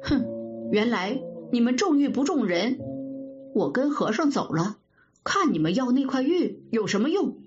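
A woman's voice: a little high, very animated, moderate pace, a little mellow, voice pushed up. A woman voicing a defiant, dreamy young nobleman who scoffs and talks lightly, over dull-sounding audio with guitar music. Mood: scoffing.

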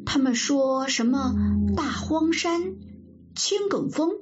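A woman's voice: high voice, expressive, slow, voice pushed up. A woman doing an eager young servant boy. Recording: dull audio with guitar music.

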